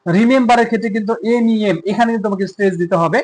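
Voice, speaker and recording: A man with a Bangladeshi accent teaching an English textbook lesson, reading the English lines slowly and carefully before explaining them. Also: high-pitched, a little mellow, rough recording.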